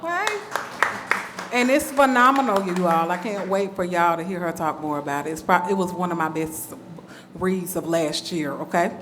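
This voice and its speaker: A woman's voice: lowish voice, expressive, normal speed, noisy background. A woman moderating a book festival panel, enthusiastic and chatty, often checking in with the crowd. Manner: enthusiastic, cheers and asks the crowd "okay?".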